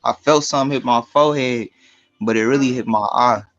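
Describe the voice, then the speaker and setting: A man speaking as a defendant, soft-spoken and hesitant, heard on a courtroom recording. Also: mid-range voice, fairly quick, no echo, muffled recording.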